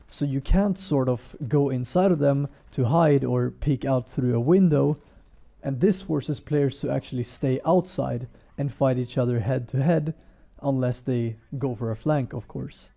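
A man with a deeply dark, mellow voice gives a calm, measured breakdown of game maps. He sounds tired, talking late at night in a hotel room, at a middle pitch. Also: creaky. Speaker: gaming content creator. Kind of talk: game commentary voice-over.

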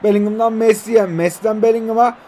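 A man in his twenties giving excitable live commentary on a mobile football game, full of slangy banter and sudden shouts. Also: high-pitched, fast talker. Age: 20s.

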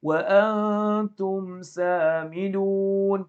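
A male teacher giving a tajweed lesson, spelling out letters syllable by syllable and reciting slowly in melody. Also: soft background music. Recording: tinny phone-like sound.

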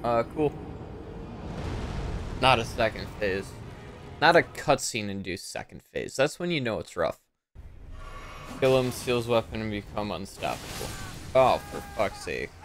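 A man's voice: on the low side, expressive, unhurried, pauses often. A man giving casual gameplay commentary as a streamer, often frustrated, swearing and poking fun at himself. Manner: frustrated, swearing, self-mocking. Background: game music.

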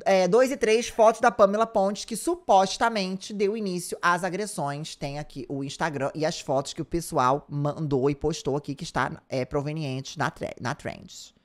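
A woman with a Brazilian Portuguese accent hosting a reaction commentary. She speaks in an expressive, exclamatory way. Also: lowish voice, moderate pace, hardly any pauses. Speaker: commentary host.

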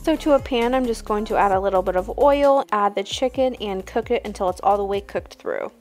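A woman's voice: mid-range voice, brisk, soft background music. Young woman narrating a home cooking vlog. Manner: relaxed, step-by-step explaining. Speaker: cooking channel host. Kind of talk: casual cooking voice-over.

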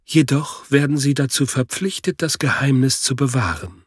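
A man voicing a solemn old priest who speaks low and deliberately, in an audiobook. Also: breathy edge, dry recording, clean studio sound, natural voice.

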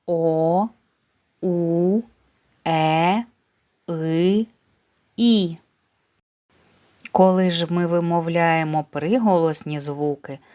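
A woman teacher giving a slow, careful dictation lesson to first graders, speaking patiently and warmly to children. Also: lowish voice. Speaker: primary school teacher.

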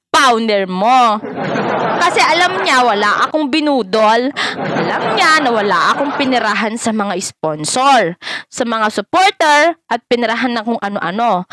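Woman vlogger, high voice, unhurried, teasing, loud laughs, noisy home recording. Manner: mocking, teasing, laughs loudly and often; switches between Tagalog and broken English. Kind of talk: casual reaction vlog.

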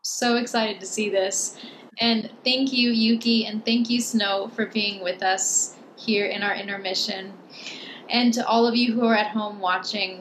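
A woman's voice: mid-range voice, fairly bright tone, a little hiss or hum, low-quality recording. Upbeat young woman hosting a stream. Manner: upbeat, thanking guests. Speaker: event host. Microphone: video call.

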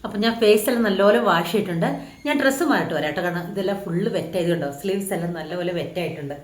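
Fast-talking Malayali woman. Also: lowish voice. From Kerala, India. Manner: chatty, often ends lines with a tag asking the viewer. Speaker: beauty vlogger. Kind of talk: casual home beauty vlog. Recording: echoey room.

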